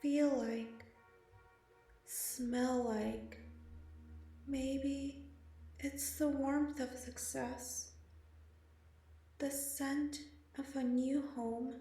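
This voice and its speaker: A woman guides a meditation in a high-pitched voice with fairly even intonation, slow, soft, and soothing, leaving long pauses. The recording is very echoey and slightly distant, with meditation music and a singing bowl behind her.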